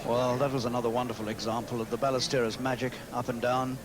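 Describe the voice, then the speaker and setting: A man's voice: mid-range voice, level tone, quick pace, a crowd in the background. A man giving golf commentary in long, flowing sentences. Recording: hum and outdoor noise.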